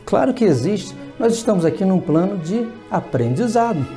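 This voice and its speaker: A Brazilian host explains spiritual matters in a mid-pitched, soft-edged voice. The delivery is emphatic and exhorting, with faint music underneath. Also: sing-song, moderate pace.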